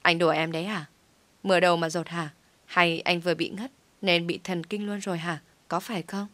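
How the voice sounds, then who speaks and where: Woman doing bossy young wife, scolding, low and dry. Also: little pitch movement, brisk, fairly bright tone, no echo, close to an everyday voice.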